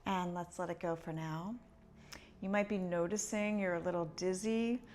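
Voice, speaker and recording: A woman's voice: lowish voice, steady tone, moderate pace, darkish tone, a little hiss or hum. A woman teaching yoga breathing, guiding step by step in a conversational, explanatory way. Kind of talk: instructional breathing lesson, guiding along.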